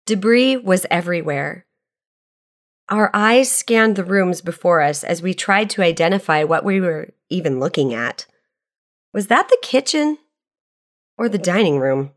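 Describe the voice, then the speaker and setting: A woman reading a reflective devotional aloud, tying scripture to her own story in an earnest, measured way. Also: lowish voice, lively intonation.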